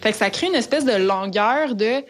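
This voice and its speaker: A woman with a Québécois accent hosts a podcast and explains psychology ideas in a clear, friendly way. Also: a little high, expressive, brisk. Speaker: podcast host. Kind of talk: casual explanatory podcast talk.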